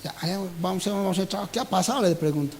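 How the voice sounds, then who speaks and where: Bolivian guy preaching, high voice, acts out the voices in his stories. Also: fast talker, a little hiss or hum, poor audio. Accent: Bolivian Spanish. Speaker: pastor. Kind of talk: sermon.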